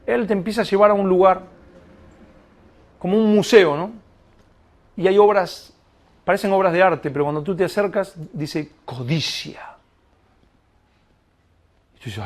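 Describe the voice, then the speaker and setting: A male preacher with a high-pitched voice and a gravelly edge. He delivers his sermon in an animated way, slipping into quoted prayers and little dialogues as he goes.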